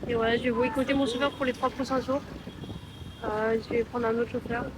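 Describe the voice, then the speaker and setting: A young woman talks into her phone out on the street, venting in a chatty, irritated way. Her voice sits a little high, and clear street noise with passing traffic runs behind her. She fills her sentences with little fillers. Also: flat delivery, a little fast. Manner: annoyed, chatty, many fillers like genre and euh. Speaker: vlogger. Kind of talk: casual vlog rant. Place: outdoors waiting on the street.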